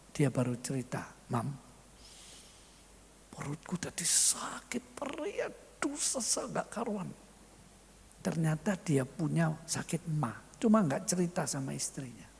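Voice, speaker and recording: Pastor, man, fairly high gravelly voice, animated storytelling sermon, church hall reverb. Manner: animated, acting out quoted voices in whispers and shouts.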